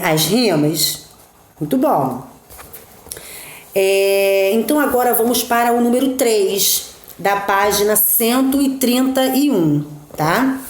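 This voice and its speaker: A woman's voice: mid-range voice, reverberant. A woman teacher, patiently walking her class through textbook exercises and counting out syllables one by one, with frequent check-ins to her students.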